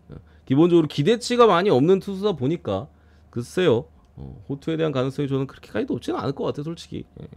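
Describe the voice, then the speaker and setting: A man's voice: fairly high pitch, creaky, a little mellow. Blunt, swearing male baseball analyst. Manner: blunt, swears often, grumbles at players. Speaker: baseball betting analyst streamer. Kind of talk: casual streamed game preview.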